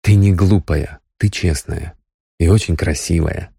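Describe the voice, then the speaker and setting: In an audiobook, a calm, tender grown man, read by a male narrator answers in plain, low-key lines. His voice is mellow and warm, and the sound is close and dry. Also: moderate pace, no echo. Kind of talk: audiobook character reading.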